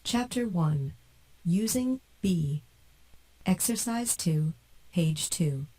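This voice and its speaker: A woman reads a scripted textbook listening track with careful, even enunciation. She speaks slowly in a mellow, somewhat low voice. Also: faint music behind, poor audio. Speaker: narrator of textbook listening audio. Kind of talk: scripted textbook audio narration.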